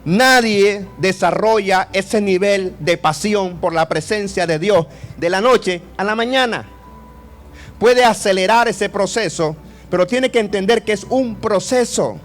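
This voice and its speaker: A man in his fifties preaches a sermon, bantering with the congregation and asking them questions. His voice sits fairly high for a man. Soft music plays behind him. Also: a little slow. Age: 50s. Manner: lively, jokes and questions with the audience.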